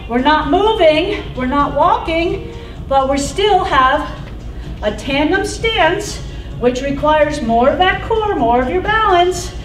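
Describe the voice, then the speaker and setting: A middle-aged woman cueing an exercise class as an aerobics instructor, upbeat and encouraging, counting out repetitions. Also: high-pitched. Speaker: fitness instructor. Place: indoor exercise studio with wooden floor. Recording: roomy, distant mic, loud background music. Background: workout music.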